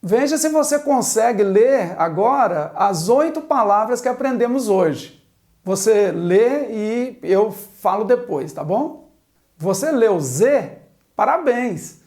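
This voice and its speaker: A woman's voice: a little high, animated, slow, a little mellow. A woman teaching a language lesson at a board, spelling out sounds one at a time and asking the viewer to repeat after her. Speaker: Hebrew teacher. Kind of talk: slow, patient board lesson.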